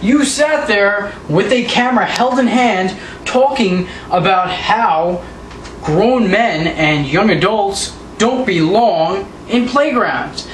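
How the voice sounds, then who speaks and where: An eighteen-year-old man with a high voice delivers a backyard wrestling promo full of sarcasm and taunts. He sounds distant from the mic in an echoey room, with steady noise beneath him in what is a roomy, noisy home recording.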